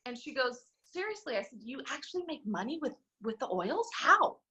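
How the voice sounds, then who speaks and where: A woman in her thirties, a podcast guest telling her story in a casual, animated way and acting out the voices of people she quotes. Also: a little high, fairly quick. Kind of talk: conversational storytelling.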